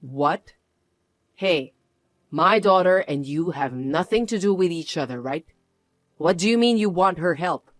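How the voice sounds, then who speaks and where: Protective mother voiced by a reader, cold, firm, low and quiet, contemptuous, dry recording, audio story. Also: lively intonation, unhurried, long pauses, no echo. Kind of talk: scripted story narration.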